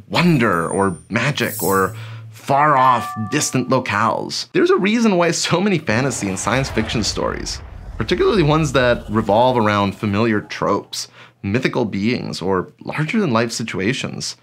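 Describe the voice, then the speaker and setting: Here the online audio drama instructor has a medium-pitched, slightly bright voice. His scripted teaching stays conversational, leaning on rhetorical questions and little performed examples.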